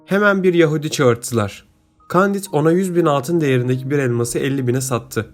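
Steady male audiobook narrator. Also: fairly high pitch, a little fast, soft background music. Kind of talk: scripted narration.

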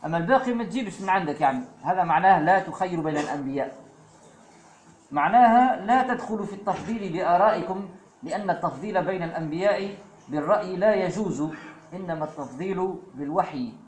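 Male preacher, slightly high voice, echoey hall. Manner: fillers and asides, slows to recite verses. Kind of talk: religious lesson. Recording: echoey room with faint ambience.

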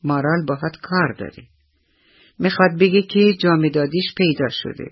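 A woman storyteller voicing a gentle, patient mother explaining things to her daughter in a children's radio story. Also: low-pitched, slightly rough. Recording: dull lo-fi radio recording.

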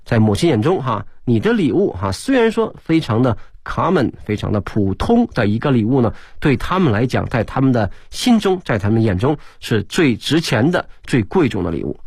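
A male teacher giving a radio English lesson. He explains words, spells them out letter by letter, and reads English slowly. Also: medium pitch, sing-song, vocal fry, a little mellow, husky, no echo. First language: Chinese. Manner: switches between explanation and slow English reading. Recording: dry studio broadcast.

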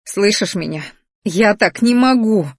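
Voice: mid-range voice, fairly quick, no echo, clean studio sound, close to an everyday voice. The narrator voicing a fierce young female mage, cold and distant in manner. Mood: distraught. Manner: icy, then hotly intense.

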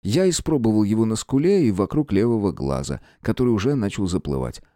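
A man's voice: fairly low pitch, a little fast, no room sound, clean studio sound. A man narrating a fantasy audiobook in the first person, expressively. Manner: expressive storytelling. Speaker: audiobook reader.

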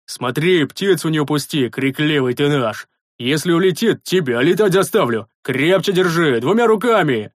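A man voicing a burly, gruff male servant who shouts bluntly. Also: a little high, normal speed, dry recording, studio quality. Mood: scolding. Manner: shouting, excitable.

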